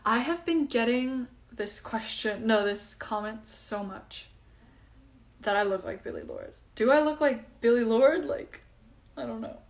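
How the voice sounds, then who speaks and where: A young Icelandic woman, a singer, chats casually from her home during a phone livestream, breezily answering comments with plenty of filler words. Her voice sits on the high side and moves a little slowly.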